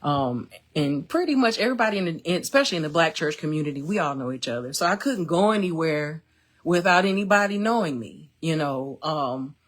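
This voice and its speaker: A woman's voice: sits low, expressive, fairly quick. A woman, speaking casually and emotionally with many fillers as she hosts her own live stream. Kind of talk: personal testimony, casual talk.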